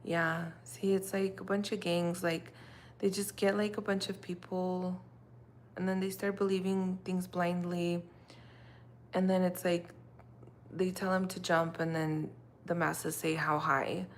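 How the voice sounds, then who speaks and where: With a lowish voice and little pitch movement, a young Russian-native woman chats casually on her livestream at a measured pace. She rambles and uses lots of fillers, and there's faint background noise.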